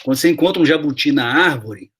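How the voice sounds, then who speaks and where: A man's voice: a little high, expressive, fast talker, a bit bright, husky. A middle-aged man with a Brazilian Portuguese accent, an HR professor telling workplace stories in a chatty live class over a video call, with many tag questions. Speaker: guest HR professor. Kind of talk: live class conversation, storytelling.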